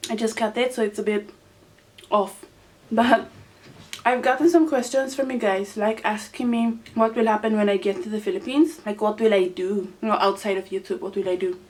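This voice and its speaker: A young woman hosting a casual mukbang, chatting excitably to viewers as she eats. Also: a little high. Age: teenager to young adult. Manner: excitable, exclaiming, talking to viewers while eating. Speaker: mukbang host. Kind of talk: casual mukbang eating chat to camera.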